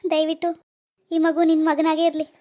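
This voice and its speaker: Woman doing squeaky cartoon elder sister. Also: completely flat delivery, moderate pace, warm tone. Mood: pleading. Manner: earnest, pleading. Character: childless elder sister, tearful and grateful. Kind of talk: animated cartoon dialogue.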